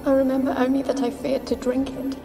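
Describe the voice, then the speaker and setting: In a video game, an actress plays the lonely, haunted ghost of a young noblewoman, delivering lines plaintively and dramatically with anguish and fear. Her high voice is completely flat and a little fast. Loud game soundtrack music plays under her voice.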